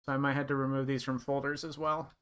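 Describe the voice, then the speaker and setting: A man's voice: mid-range voice, flat delivery, fast, fairly bright tone, clear, resonant tone. A young man chatting casually on a live stream, thinking aloud and rambling with lots of fillers.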